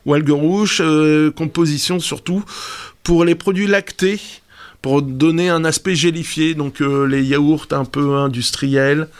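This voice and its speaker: A man's voice: a little high, steady tone, measured pace, clear, resonant tone. A man presenting a segment on a radio show, explaining things casually and hesitantly, with many fillers.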